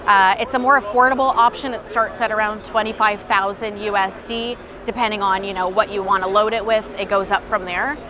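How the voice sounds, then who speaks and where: A woman's voice: medium pitch, steady tone, a little fast, hardly any pauses. A woman company representative explaining a product conversationally in a demo at a trade show. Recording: busy outdoor trade-show crowd noise.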